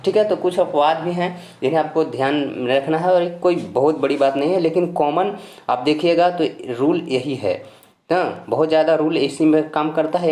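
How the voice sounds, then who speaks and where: A patient teacher from India teaches pronunciation step by step, repeating each rule, spelling words letter by letter and continually encouraging learners. The mid-range voice has a darkish tone, and the echoey room recording carries slight background noise.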